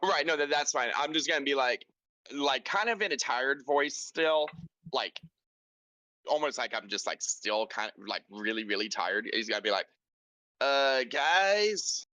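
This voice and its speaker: A man playing a tabletop game over voice chat, talking in halting, rambling bursts full of fillers as he describes what his character does. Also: mid-range voice, pushed and bright, no echo, low-quality recording. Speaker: player.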